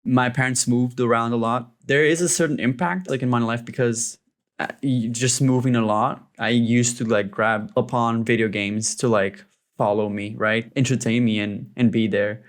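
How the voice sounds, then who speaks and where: A man's voice: mid-range voice, steady tone, normal speed. Man rambling in casual interview. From Brazil. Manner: rambling, many "like" fillers. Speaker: game developer, interview guest.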